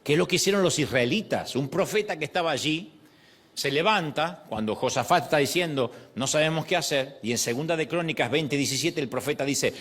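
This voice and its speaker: A man's voice: fairly high pitch, a little fast, a bit bright. A middle-aged man preaching a sermon, acting out prayers and quoted voices. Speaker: pastor.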